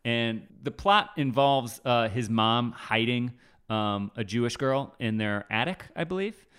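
A man co-hosting a podcast, chatting casually about a movie trailer, halting and repeating himself, quick to laugh. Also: mid-range voice, fairly bright tone, clean tone. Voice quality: halting, lots of fillers and restarts, laughs easily. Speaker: podcast co-host. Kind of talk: casual movie-review chat.

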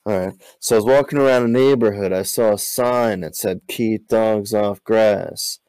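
A man telling deadpan one-liners in casual podcast chat and laughing at his own jokes. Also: fairly low pitch, normal speed, smooth, no echo, rough recording. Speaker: podcast guest comedian.

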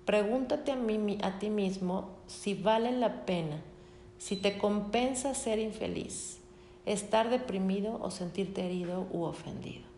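A woman reading a self-help text aloud in a steady voice, breaking off now and then for casual spoken asides. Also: mid-range voice, a little slow, slight background noise. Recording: roomy echo.

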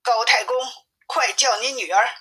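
A woman's voice: a little high, sharp tone, slightly rough, full character voice. A woman doing a cocky monkey king. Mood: commanding. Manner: brisk, confident, commanding.

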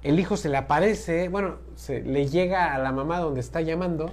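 A man's voice: on the high side, normal speed, crowd noise. Podcast host guy, laid back, just chatting about a creepy story. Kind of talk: casual podcast chat.

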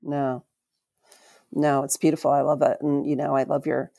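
A woman's voice: low voice, flat delivery, moderate pace, vocal fry, dark tone, no echo, clean studio sound. A woman hosting a podcast interview, enthusiastic and encouraging, with fillers like "um". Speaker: podcast host.

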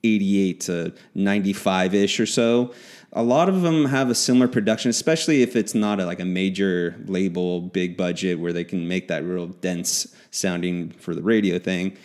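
A man's voice: low-pitched, normal speed, darkish tone. A man in his forties, a podcast co-host, reminiscing in casual chat with many restarts. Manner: reflective, rambling with restarts.

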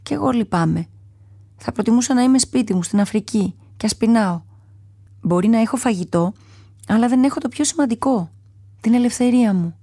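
A woman's voice: on the high side, long pauses, breathy edge, no room sound, clean studio sound, pitched above the performer's own voice. A woman doing a weary caged lion. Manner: tired, sorrowful, gentle. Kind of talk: storybook character voice.

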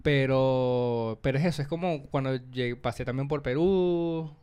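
A young Venezuelan man and comedian co-hosting a casual podcast chat, full of slang and quick impressions of others. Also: mid-range voice, clean tone. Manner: animated, slangy, quotes others in voices.

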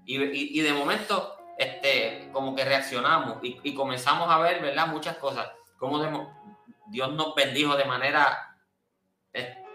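A man gives a heartfelt testimony in an earnest, conversational way, stumbling and restarting as he goes. His voice is very bright and forward. The room around him rings with echo, and soft instrumental music plays underneath. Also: on the high side. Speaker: churchgoer sharing testimony. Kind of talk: testimony, casual speech.

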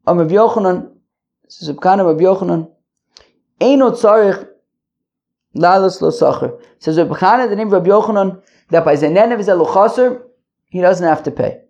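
A creaky-voiced man gives an informal religious lesson. He reads aloud and then explains, often halting to think and repeat himself. The recording is dull and lo-fi. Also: high-pitched, a little mellow. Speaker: Talmud teacher.

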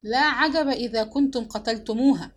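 A woman reading the part of a grieving husband who shouts accusing questions. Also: on the high side, brisk, close to an everyday voice. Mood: furious. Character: grief-stricken, furious husband demanding answers. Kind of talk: dramatic novel narration.

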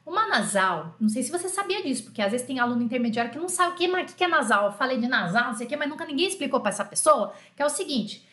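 A Brazilian woman with a high voice runs a live French lesson, talking straight to her learners in a chatty, joking way. The recording carries a noticeable room echo. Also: sing-song, rapid-fire, few pauses, fairly bright tone. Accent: Brazilian Portuguese. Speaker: French teacher. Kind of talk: live online language lesson.

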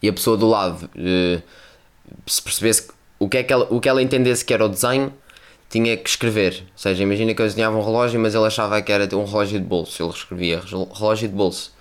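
A young man with a European Portuguese accent talks through his own podcast in a loose, rambling way. He swears often and drops into slang. His voice sits fairly low. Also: fairly even intonation, quick pace, smooth. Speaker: podcast host. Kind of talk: casual solo podcast chat.

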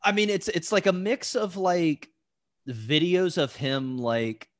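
A man's voice: sits high, animated, takes it slowly, no room sound, clean studio sound. A male podcast host chatting casually, rambling through stories with lots of fillers and swearing. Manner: rambling, laid-back storytelling, full of fillers and swearing.

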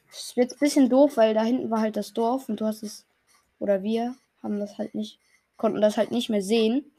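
A woman's voice: on the high side, dark tone, breathy edge. A young woman in casual gameplay chat, talking another player through a game in a reassuring, slangy way. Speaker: player coaching another gamer.

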